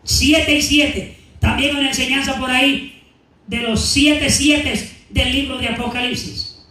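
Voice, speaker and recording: A man preaching a Bible teaching to his congregation, asking them questions and answering them himself, and reading scripture slowly and deliberately. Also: very high voice, fairly even intonation, bright, forceful tone. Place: church sanctuary. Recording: echoey church hall, mic at a distance.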